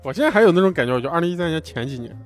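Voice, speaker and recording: A man co-hosting a podcast, chiming in with quick, joking remarks in casual chat. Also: a little high, animated, faint music behind. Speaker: podcast co-host. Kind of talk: casual chat, backing up the storyteller.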